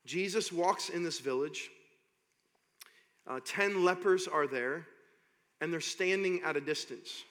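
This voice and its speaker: A man preaching a sermon as pastor, reading scripture slowly and building to loud, impassioned preaching. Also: fairly high pitch. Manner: reads scripture slowly and deliberately. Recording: long hall reverb.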